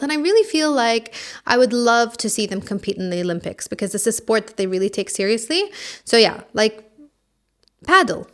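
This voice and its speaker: A woman from the Gulf region hosting a podcast, chatting casually in a rambling, giggly way full of "like". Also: medium pitch. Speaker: podcast host. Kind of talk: casual chat.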